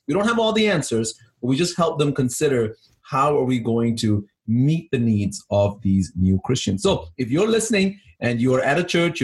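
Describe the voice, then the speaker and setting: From an office in Toronto, a man co-hosts a ministry podcast, upbeat and chatty in conversation, with many fillers and restarts. His voice is medium in pitch and a little mellow.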